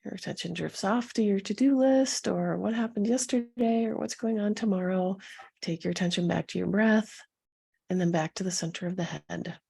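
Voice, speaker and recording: A meditation coach guides her listeners in a soft, soothing way, her medium-pitched voice gentle and husky. She gives unhurried instructions, leaving pauses between them.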